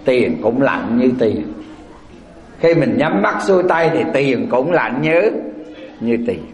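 A Buddhist monk giving a folksy sermon, often asking the audience rhetorical questions. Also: male voice, mid-range voice, sing-song, takes it slowly. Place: temple hall. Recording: echoey hall.

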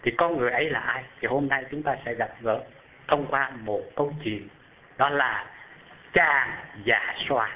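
A man preaching and telling a Buddhist story to an audience, often asking them questions and lifting his voice high as he describes things. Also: a little slow, noisy background. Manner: animated, asks the audience questions, rises high when describing. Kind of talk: storytelling sermon. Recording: tinny phone-like sound. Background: live audience.

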